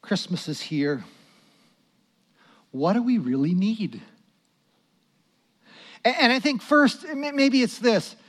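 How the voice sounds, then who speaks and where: A male pastor preaching a sermon, swinging from loud emphatic lines to hushed prayerful asides. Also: high voice, animated, slow, pauses often.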